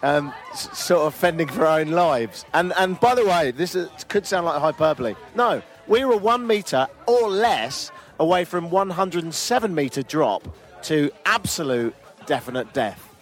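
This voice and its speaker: A man's voice: a little high, lively intonation, moderate pace. A man hosting a travel vlog outdoors on a river boat, speaking in a dry, self-deprecating, joking way. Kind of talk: casual travel chat.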